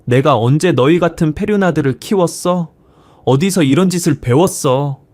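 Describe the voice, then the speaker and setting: A man voicing a furious elderly grandfather, a retired teacher who shouts and scolds. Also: on the high side, normal speed, no room sound, pitched above the performer's own voice, natural voice. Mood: enraged.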